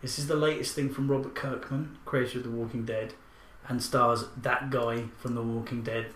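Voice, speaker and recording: A man's voice: mid-range voice, little pitch movement, moderate pace, a bit bright. A man hosting a podcast, chatting loosely about films and swearing freely. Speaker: podcast host. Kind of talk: casual chat about films. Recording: roomy echo, faint background hiss.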